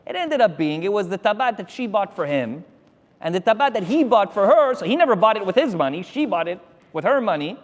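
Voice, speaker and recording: Animated male rabbi in a reverberant hall. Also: sits high, brisk. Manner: animated storytelling, addressing the crowd directly. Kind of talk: Torah lecture to a congregation.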